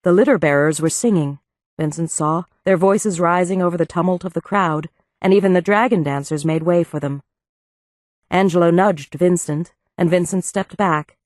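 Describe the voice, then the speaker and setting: Low-voiced woman narrating an audiobook. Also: normal speed, darkish tone, no room sound, clean studio sound. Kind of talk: scripted narration.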